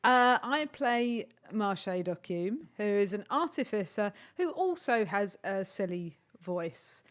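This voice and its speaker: A woman talking casually as a tabletop game player, with a playful edge. She speaks very slowly. Her pitch is in the middle range. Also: animated. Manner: playful, unhurried. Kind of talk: casual chat.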